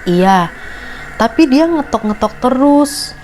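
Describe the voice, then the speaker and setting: A woman's voice: high voice, animated, slow, a little mellow, slight background noise, voice pushed up. A woman reading the chat lines of a frightened young wife who is alone at night, anxious and pleading.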